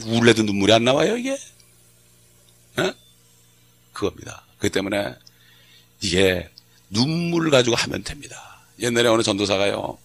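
A middle-aged male pastor with a gravelly, creaky voice delivers a sermon at an ordinary pitch. He preaches conversationally, often stopping to throw short questions at the congregation and wait for their response. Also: a bit bright.

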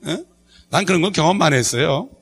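Middle-aged pastor guy, bright slightly high voice, keeps asking the crowd questions. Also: expressive, fast. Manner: call-and-response preaching, asks the congregation questions; jokes and laughs with the congregation. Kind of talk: sermon.

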